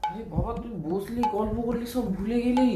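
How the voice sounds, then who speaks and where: A man's voice: very high voice, brisk. An actor playing a doting uncle who coaxes his nephew and scolds his servant, in an echoey room with music behind. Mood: coaxing. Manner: coaxing, pleading, scolds the servant.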